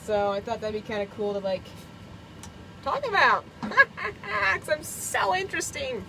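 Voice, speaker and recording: Cooking in her camper, a bubbly young vlogger from Kentucky giggles and chats, leaning heavily on fillers like "um" and "like." Her voice sits high with big pitch swings, a measured pace, and a gravelly, sharp edge. The audio is low quality with slight background noise.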